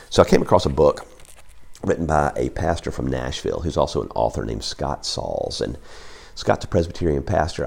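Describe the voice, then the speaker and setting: A man preaching a Sunday sermon with a croaky, froggy voice, often repeating words as he reads excerpts from a book. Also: a bass voice, darkish tone. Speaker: pastor.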